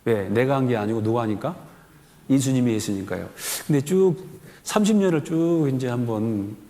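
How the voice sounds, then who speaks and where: A pastor in his fifties preaches in a church sanctuary, speaking conversationally and asking the congregation lots of questions. His voice is mid-range and dark-toned with lively intonation and a normal pace, and the hall adds a long reverb.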